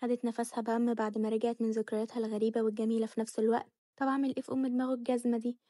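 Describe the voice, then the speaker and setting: Rapid flat-voiced Egyptian woman narrator. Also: fairly high pitch, no room sound, studio quality. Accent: Egyptian Arabic. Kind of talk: audio novel narration.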